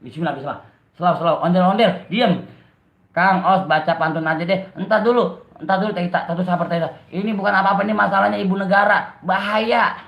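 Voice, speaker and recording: A man with a Betawi accent hosts a casual live stream in a high, quick, gravelly voice with a fairly bright tone. He reads viewer comments aloud, jokes, teases them, and laughs a lot. The lo-fi audio sounds dull and roomy.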